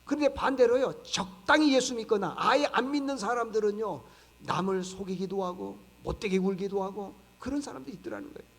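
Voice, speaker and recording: A man preaching from the pulpit with a fairly high voice. His delivery is emphatic, and he acts out the voices of those he quotes. Long reverb from the church hall trails after each phrase. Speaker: pastor. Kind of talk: sermon. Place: church sanctuary.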